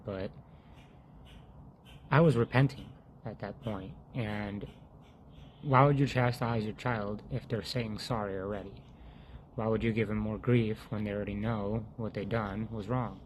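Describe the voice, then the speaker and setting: A man giving an earnest, halting personal testimony about faith, often restarting his sentences and sinking to a hush when he quotes his prayers. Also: fairly low pitch, slight background noise. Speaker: faith vlogger sharing a testimony.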